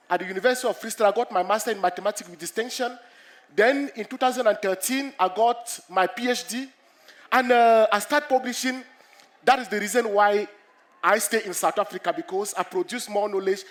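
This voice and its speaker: A man from Cameroon with a notably high voice lectures students on mathematics while fighting a cold. He speaks earnestly, stumbles through restarts and repeats key phrases to drive points home. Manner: earnest, repetitive, halting with many restarts. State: has a cold. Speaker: mathematics professor giving a talk.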